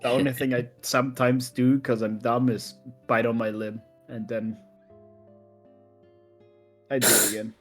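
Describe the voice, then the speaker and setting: A man's voice: mid-range voice, little pitch movement, unhurried, pauses often, soft background music. A man with a stuffy nose, joking and stumbling over his words as a player in a tabletop game. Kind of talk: casual tabletop chat.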